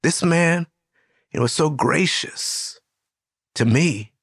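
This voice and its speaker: An older man hosting an interview, telling stories in a lively, conversational way with frequent restarts. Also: on the high side, takes it slowly, breathy edge, dry recording, clean studio sound. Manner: warm storyteller, animated with many restarts. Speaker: host.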